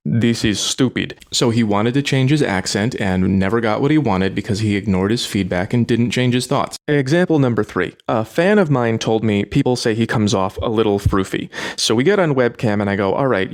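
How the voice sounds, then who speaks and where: Blunt man with a lowish voice. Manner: blunt, matter-of-fact, mimics others in quoted anecdotes. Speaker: self-improvement video host. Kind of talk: scripted explanatory monologue.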